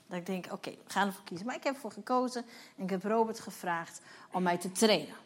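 A woman's voice: medium pitch, fast. A woman in her fifties, a church leader, giving a personal testimony sermon and telling her story vividly while acting out the dialogue. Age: 50s.

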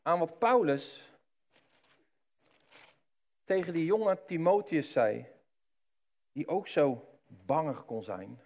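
A man preaching a sermon, addressing the listeners directly and swinging between hushed and loud. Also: a little high, lively intonation, slow pace, long pauses.

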